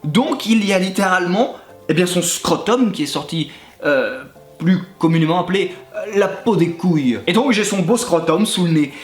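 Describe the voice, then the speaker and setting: Here the ex-gym-coach YouTuber speaks at a normal pace in a high voice, telling his crude comic stories directly to the listener. Animated and prone to laughing, he records in a reverberant room where faint music plays.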